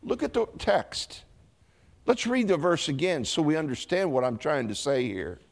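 A man's voice: fairly high pitch, expressive, moderate pace, creaky. A male pastor with a Southern US accent preaching a sermon emphatically, stretching key words and repeating himself.

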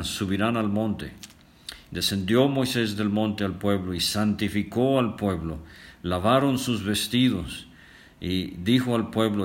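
Older guy reading and explaining the bible, super low voice, slow and careful, lots of ums. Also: a bit bright. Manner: slow, deliberate reading with frequent filler pauses. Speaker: Bible teacher. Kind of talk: unhurried Bible study commentary.

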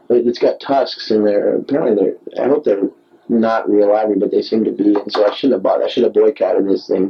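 A man's voice: mid-range voice, dark tone, lo-fi sound. A young man rambling wryly into a dictaphone late at night, recorded on a handheld tape recorder. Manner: rambling, digressive, wry. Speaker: audio diarist.

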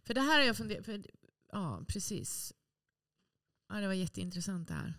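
A woman's voice: mid-range voice, very animated, a bit bright, no echo, studio quality. A woman, a journalist guest on a podcast, chats casually and asks eager follow-up questions.

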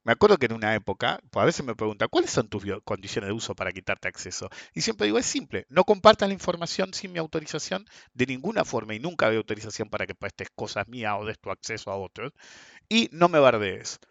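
A man's voice: mid-range voice, quick pace, creaky, dry recording. A man with a Rioplatense Spanish accent telling stories about trading to viewers, often tagging sentences with "ok?". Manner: lively storytelling, frequent "ok?" tags. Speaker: trading educator. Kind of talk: casual monologue to viewers. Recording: dull, dry lo-fi sound.

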